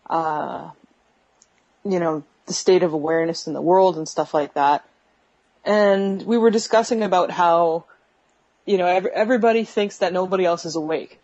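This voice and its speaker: A woman's voice: fairly low pitch, a little mellow, lo-fi sound. A woman answering interview questions over a bad phone video call from her bedroom, with a connection that breaks up, and speaking hesitantly with many fillers. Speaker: interview guest. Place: bedroom at home. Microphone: video call app on a phone.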